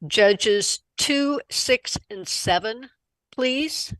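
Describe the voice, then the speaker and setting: A woman moderating a camera club competition, calling judges and announcing scores in a brisk, businesslike way. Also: on the high side, expressive, a bit bright, dry recording, rough recording.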